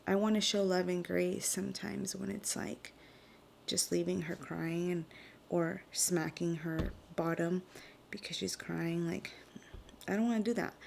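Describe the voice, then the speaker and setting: A young woman and mother sharing earnest, heartfelt thoughts in a casual vlog, often dropping into a soft whisper. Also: on the low side, vocal fry, a little hiss or hum. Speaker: vlogger and mother. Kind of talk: reflective casual vlog talk.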